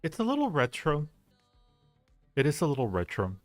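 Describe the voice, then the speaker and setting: A man with a slightly high voice and wildly swooping pitch talks at normal speed as a livestream host. He rambles in casual chat with viewers, rating ideas and repeating phrases often. Faint music plays behind him in a room with roomy echo.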